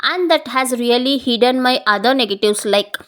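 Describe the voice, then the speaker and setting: A woman's voice: on the high side, moderate pace, fairly bright tone. A woman with a South Indian accent giving earnest, emphatic advice straight to viewers in an instructional monologue. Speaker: career advice video creator.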